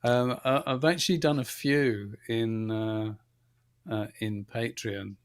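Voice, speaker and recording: A man's voice: mid-range voice, steady tone, slow pace, clear, resonant tone. A man co-hosting a casual live question-and-answer chat on an earphone headset, reading out viewer comments and telling stories. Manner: chatty storyteller, reads out viewer comments. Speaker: co-host. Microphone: earphone headset on a video call.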